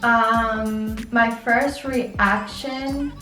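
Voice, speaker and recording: A woman's voice: a little high, fairly even intonation, extremely slow, bright, forceful tone. A woman in her twenties chatting casually on a vlog, rambling with lots of "like" and restarts. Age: 20s. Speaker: vlog co-host answering questions. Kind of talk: casual chat. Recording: roomy echo, mic at a distance, music behind.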